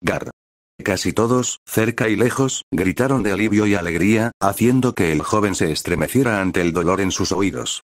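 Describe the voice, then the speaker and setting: Male narrator reading fan fiction aloud, very low voice, dry close sound. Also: moderate pace, few pauses, no room sound.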